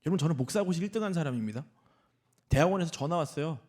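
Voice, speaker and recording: A man preaches from the pulpit with a fairly high voice that swoops up and down with feeling. He keeps turning to the congregation with questions and lets his points land hard. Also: very fast. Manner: animated preaching, often asking the congregation questions. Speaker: senior pastor. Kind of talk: sermon. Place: church sanctuary.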